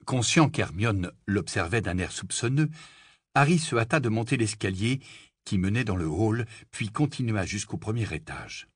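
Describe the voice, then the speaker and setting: Husky expressive male audiobook narrator. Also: lowish voice, no room sound, clean studio sound. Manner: expressive storytelling. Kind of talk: scripted narration.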